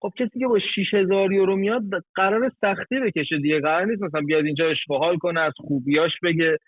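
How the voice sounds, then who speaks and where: A man, a guest in a casual chat, explaining things chattily with rough numbers and everyday examples. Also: high voice, no room sound. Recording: tinny phone-like line.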